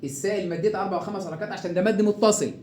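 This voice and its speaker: A man with an Egyptian accent and a high voice teaches recitation rules in an echoey room. He poses questions, answers them himself, and stretches each example word slowly. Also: fairly even intonation, a little mellow. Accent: Egyptian Arabic. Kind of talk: tajweed lesson.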